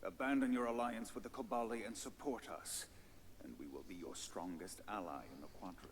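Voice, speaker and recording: A man's voice: on the low side, brisk, lightly acted. Male actor as a proud alien warlord in a game, villainous, declamatory, light background hiss. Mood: threatening.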